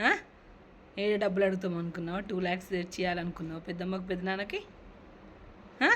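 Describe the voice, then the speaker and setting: A woman's voice: lowish voice, flat delivery, fast, fairly bright tone, a little hiss or hum. A woman, teasing and coaxing a kid after a prank, pressing him with questions. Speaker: prank vlogger. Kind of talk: casual teasing chat.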